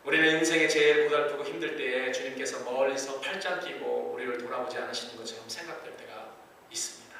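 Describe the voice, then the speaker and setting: A man preaching a sermon as pastor, swinging from soft, low passages to loud, high-pitched pleading. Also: fast, gravelly, slight background noise. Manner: dramatic swings between soft and loud delivery. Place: church sanctuary. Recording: echoey church hall, mic at a distance.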